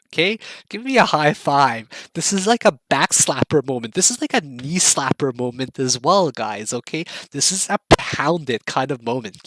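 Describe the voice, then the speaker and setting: A man with a fairly high voice gives a casual online trading lesson. He sounds eager and coaxing, keeps checking in with his listeners and repeats words and phrases. The recording is dry and close, with no room sound. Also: a bit bright, no room sound. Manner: repeats words and phrases, restarts mid-sentence. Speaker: trading instructor.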